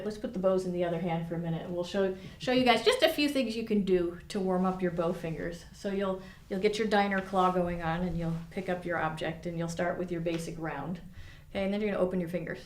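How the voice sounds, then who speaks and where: A woman's voice: fairly low pitch, brisk, few pauses. A woman teaching viola technique to students in a studio, explaining with vivid images and encouraging tone. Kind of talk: instructional lesson with demonstration. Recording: echoey room.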